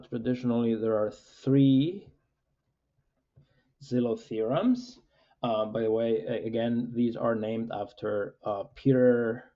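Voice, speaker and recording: A male professor works through a lecture at an unhurried pace, pausing often on "uh". His voice is mellow and relaxed, in a dull, lo-fi recording. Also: mid-range voice. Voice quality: frequent "uh" fillers, measured and explanatory. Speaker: mathematics professor.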